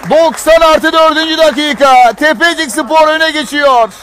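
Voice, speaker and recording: A male football commentator with an extremely high-pitched, excited delivery calls the play live. He speaks outdoors at a small ground, with a light crowd murmur behind him. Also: measured pace. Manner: excited, shouting on goals. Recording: crowd noise at outdoor match. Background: faint crowd.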